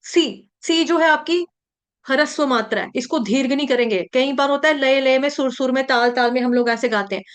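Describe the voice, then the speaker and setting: An Indian woman teaching chant recitation, drilling words slowly and repeating each syllable, then explaining the rules briskly. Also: high voice. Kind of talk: slow syllable-by-syllable recitation lesson.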